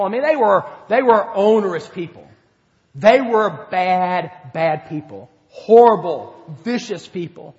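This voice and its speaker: A man preaching a sermon in a conversational way, asking the congregation questions and swinging between quiet and loud. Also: high-pitched, long reverb tail, highs cut off. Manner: conversational, rhetorical questions, dynamic swings in loudness. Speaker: pastor.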